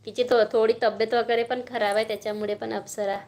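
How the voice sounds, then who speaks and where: A woman's voice: fairly high pitch, flat delivery, quick pace, darkish tone. Chatty Marathi woman on a live stream. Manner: chatty, greets viewers by name, coaxes a small child. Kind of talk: casual live-stream chat reading viewer comments.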